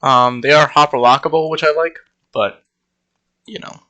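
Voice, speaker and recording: A young Minecraft server player casually walks through a game build, rambling with many ums and sounding slightly congested. His fairly high voice is bright and forceful, with fairly even intonation at normal speed.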